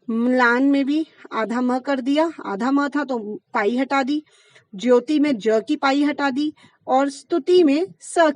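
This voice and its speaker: A woman teaching a Hindi grammar lesson, who explains slowly, draws out the sounds she teaches and checks in with her students. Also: high voice, no room sound. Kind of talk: classroom lesson.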